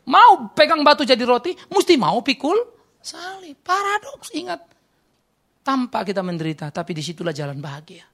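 A man preaching a sermon as pastor, telling stories with quoted dialogue and swinging between loud exclamations and quiet confiding asides. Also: extremely high pitch, big pitch swings, normal speed.

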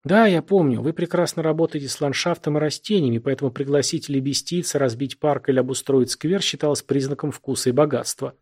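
A man's voice: a little high, fairly quick, hardly any pauses, darkish tone, slightly rough. A man voicing a young, easygoing male starship captain in an audiobook. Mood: lively. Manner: light, bemused.

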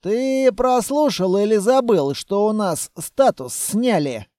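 A man plays a grumbling soldier in a storybook reading, his voice low-toned and mellow yet pushed a little louder than the narration around it. He scoffs and grouses at everything, dry and close in a small, dead booth. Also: expressive, takes it slowly, dry recording. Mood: gruff. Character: gruff grumbling male soldier, middle-aged.

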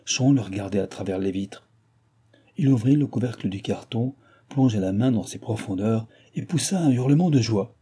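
Male narrator, very dark husky tone, measured classic audiobook read. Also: lowish voice, animated.

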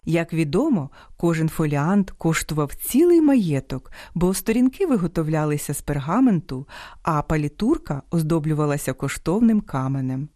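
A woman hosting an educational radio program, reading a script in a measured, precise way. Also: fairly low pitch, mellow, no echo, clean studio sound. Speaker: radio host. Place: radio studio.

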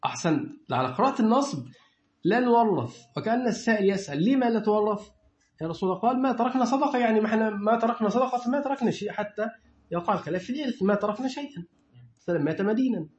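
High-voiced Egyptian teacher in echoey room. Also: male voice, expressive, darkish tone. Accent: Egyptian Arabic. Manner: quizzes the class with quick questions. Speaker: religious teacher. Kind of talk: classroom lecture. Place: lecture room with students. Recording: echoey room, dull lo-fi sound.

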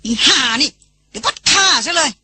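A woman's voice: high-pitched, expressive, normal speed, pushed and bright, soft background music, pitched above the performer's own voice. A woman voicing a jealous, hot-tempered young male army officer in an audiobook novel. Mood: angry. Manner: angry outbursts, then pleading.

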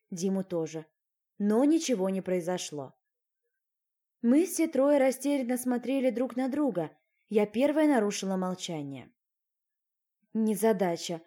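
A woman narrating a first-person audiobook in a lively, expressive way. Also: a little high.

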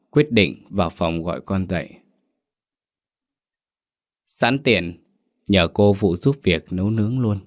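A man narrating a scripted horror story in a calm, measured way. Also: deep voice, no echo. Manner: calm measured telling, cries out in the father's lines. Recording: dry close recording with faint music.

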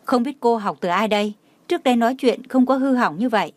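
A woman's voice: a little high, no echo, natural voice. A woman reading the lines of a worried young woman who scolds her friend, for an audio novel. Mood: scolding. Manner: scolding, hurried.

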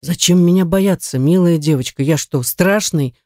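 Brash, forceful young man, put on by a reader; low, blunt, insistent, dry sound. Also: moderate pace, dry recording, natural voice. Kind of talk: audiobook character voice.

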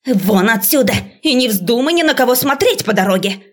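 A woman reading an audiobook voices a shrill, panicky older woman professor of witchcraft who barks loud orders in a raised voice. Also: lively intonation, brisk. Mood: furious.

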